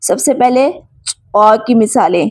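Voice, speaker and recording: A woman teaching Quran pronunciation, slowly sounding out letters and explaining recitation rules in a patient, deliberate way. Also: medium pitch, darkish tone, dry recording. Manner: clear, deliberate syllable drills with patient explanation. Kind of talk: slow, drilled tajweed lesson.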